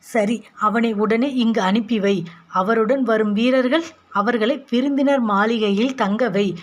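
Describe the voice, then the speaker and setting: A woman's voice: on the high side, fairly even intonation, a little slow, lightly acted. A woman voicing a stern elderly male Buddhist monk who gives commands and scolds in a story reading.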